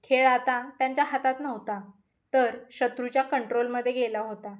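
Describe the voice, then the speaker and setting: A woman narrating a dramatic story in a steady, measured reading voice. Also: a little high.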